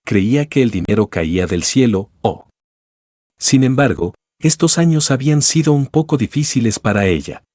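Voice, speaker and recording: A man narrating a novel audiobook in an even, steady reading voice. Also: medium pitch, moderate pace, no echo, clean studio sound.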